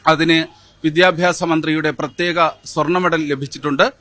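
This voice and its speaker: A man in his fifties, a former mimicry champion, answering interview questions in a measured, hesitant way with many fillers. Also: on the high side, steady tone, pushed and bright, no room sound. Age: 50s. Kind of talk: interview answers with poem recitation.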